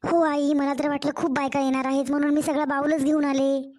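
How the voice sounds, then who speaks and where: A woman's voice: sits high, flat delivery, brisk, a little mellow, lightly acted. A woman voicing a mild, apologetic young newly married daughter-in-law in a cartoon story, with a Marathwada Marathi accent. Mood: meek.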